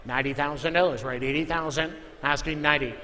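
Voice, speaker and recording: Fast-talking and forceful, this male auctioneer chants live bids in a large indoor auction room, repeating numbers and calling for offers. His voice is fairly high and bright with fairly even intonation. The echoey hall has clear background noise.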